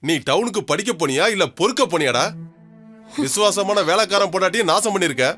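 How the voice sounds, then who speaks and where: A stern dad laying down the law, high bright voice. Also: male voice, brisk. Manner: stern, scolding, commanding. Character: stern father scolding his son, adult man. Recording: film soundtrack with music.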